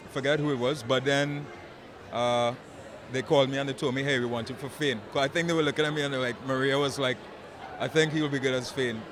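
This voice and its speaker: A man, an actor talking in a relaxed, musing way at a red carpet interview. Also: mid-range voice. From Trinidad. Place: outdoor red carpet event. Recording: crowd chatter behind.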